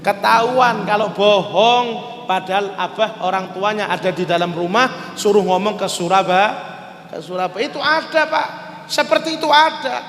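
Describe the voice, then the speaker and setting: A man with an East Javanese accent preaching in a lively, storytelling way, acting out the dialogue of his tale at a religious gathering. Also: high voice, normal speed. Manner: animated, acts out the story's dialogue with swings in voice. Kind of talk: storytelling sermon. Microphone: lavalier clip-on mic. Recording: echoey hall with long reverb.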